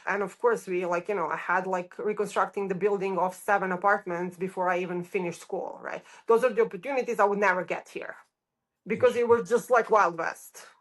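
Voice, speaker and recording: Speaking a little fast in a steady, mid-range voice, this middle-aged architect from Serbia shares her story on a podcast. She has a Serbian accent and talks casually, dropping "like" often.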